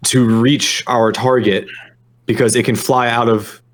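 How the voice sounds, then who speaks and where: A man's voice: medium pitch, little pitch movement, unhurried. A man playing a tabletop game, arguing his case at length with frequent restarts. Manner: argumentative, restarts often. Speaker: player. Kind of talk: casual game chat.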